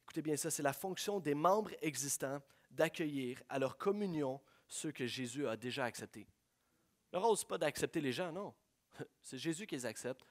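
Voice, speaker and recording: A man preaching a sermon, swinging from hushed prayerful lines to loud, excited storytelling. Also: fairly high pitch, normal speed. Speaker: pastor.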